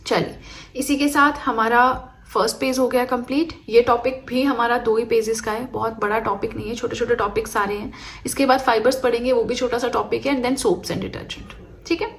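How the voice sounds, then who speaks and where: A woman's voice: on the high side, fairly even intonation, normal speed, slight background noise. Woman teaching chemistry, exam-prep lecture. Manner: explains step by step with frequent "है ना?" check-ins.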